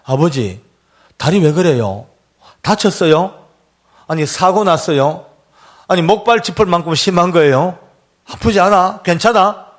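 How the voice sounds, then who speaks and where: A man quoting his son, a gentle young man on death row, in a soft and tender voice. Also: high-pitched, animated, unhurried, long pauses. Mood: worried.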